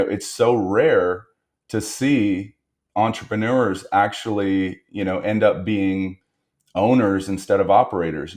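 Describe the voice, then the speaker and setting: A man's voice: on the low side, darkish tone. A man speaking as a guest on a business podcast, reflecting on lessons learned and stressing points by repetition. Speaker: guest entrepreneur. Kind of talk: podcast interview.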